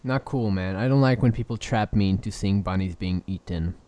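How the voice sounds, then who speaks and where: A man's voice: fairly low pitch, brisk, warm tone, dry recording. A man co-hosting a casual comedy podcast, playful and teasing. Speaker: podcast co-host.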